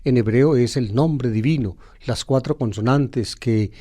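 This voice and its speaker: A man's voice: mid-range voice, unhurried, warm tone. A man teaching on the radio about a Bible passage, explaining unhurriedly and repeating key phrases, with frequent fillers.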